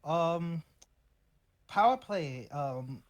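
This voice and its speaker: A man's voice: a little high, expressive, very slow. A man co-hosting a casual gaming podcast, teasing and playful. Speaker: podcast co-host. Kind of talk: casual chat.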